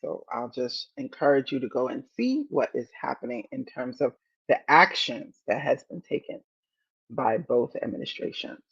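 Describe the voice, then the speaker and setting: A woman in her fifties hosting a motivational podcast, speaking deliberately and repeating key phrases to encourage listeners. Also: rumbling low, expressive, creaky, husky, highs cut off. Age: 50s. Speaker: podcast host.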